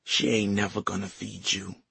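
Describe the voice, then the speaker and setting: A man voicing a frail, dying grandmother who speaks softly and tenderly through pain. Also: lowish voice, flat delivery, moderate pace, no room sound, heavily acted. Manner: soft, breathy, pained.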